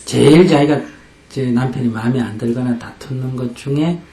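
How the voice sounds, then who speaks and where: A man's voice: medium pitch, normal speed, mellow, slight background noise. A man teaching as a Buddhist teacher in a live question-and-answer talk, blunt and coaching, repeating his questions and at times dropping almost to a whisper. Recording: roomy hall sound.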